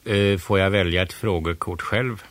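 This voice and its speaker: A man's voice: low voice, fairly even intonation, natural voice. A man voicing a cheeky, good-natured young male cat who asks and answers innocently.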